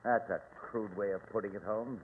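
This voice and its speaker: An actor playing a flustered, officious English police inspector in old-time radio drama, emphatic, earnest and blustering. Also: male voice, lowish voice, fairly even intonation, husky. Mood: exasperated, worried. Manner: blustering, emphatic, halting repetitions. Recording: tinny, noisy, reverberant old radio recording.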